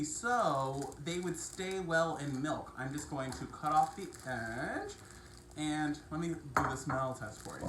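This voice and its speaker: A low-pitched woman chatting excitedly through a cereal review, rambling into asides and fillers. She speaks into a camera mic in an echoey room, and a faint hum of ambience sits underneath her voice. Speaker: food review vlogger. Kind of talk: casual product review to camera.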